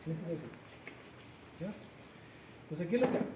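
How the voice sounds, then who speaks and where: A man's voice: a little high, animated, moderate pace. Man teaching a hands-on class. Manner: explains step by step, often checks with "¿ya?". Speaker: instructor. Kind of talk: hands-on practical class demonstration. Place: practice room with a treatment table. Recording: echoey room with loud background noise.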